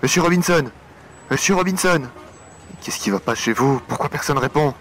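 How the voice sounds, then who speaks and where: A man's voice: medium pitch, a little fast, a bit bright, slight background noise, lightly acted. A man playing a desperate, protective father in an audio horror drama, speaking urgently and insistently. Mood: panicked, shouting. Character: desperate protective father warning of zombie attack.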